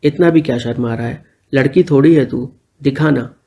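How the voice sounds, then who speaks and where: A man's voice: medium pitch, moderate pace, dark tone, lightly acted. Man doing an eager, begging young man. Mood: pleading. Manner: begging, wheedling.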